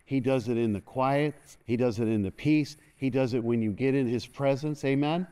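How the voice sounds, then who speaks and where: A middle-aged man preaching a sermon from a church stage, animated and constantly calling for an "amen" from the congregation. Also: mid-range voice, moderate pace, clean tone. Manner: animated, moves about the stage, call-and-response asking "amen". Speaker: pastor. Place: large church stage, indoors.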